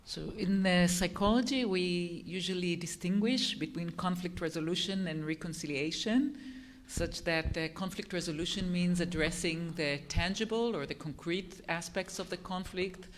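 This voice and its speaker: A psychologist on a panel, explaining concepts in a measured academic way. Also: male voice, high-pitched, a little hiss or hum.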